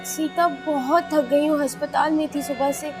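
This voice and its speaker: A nervous pleading young woman, high voice, music score behind. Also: flat delivery, normal speed. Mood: anxious. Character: anxious frightened young woman. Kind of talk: TV serial acting.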